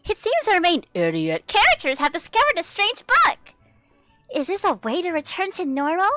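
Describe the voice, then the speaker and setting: A woman's voice: very high voice, huge pitch swings, normal speed, sharp tone, no room sound, faint music behind, pitched above the performer's own voice, exaggerated voice. A woman voicing a brash, sassy female character who narrates a dramatic comic recap, her voice raised about an octave above her own.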